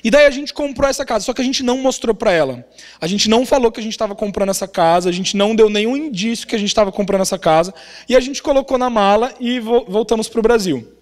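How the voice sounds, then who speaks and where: A young adult Brazilian man preaching as a pastor, telling a family story in an animated way and often ending phrases with a tag question. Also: high voice, fast. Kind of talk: sermon storytelling. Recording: long reverb of a large hall.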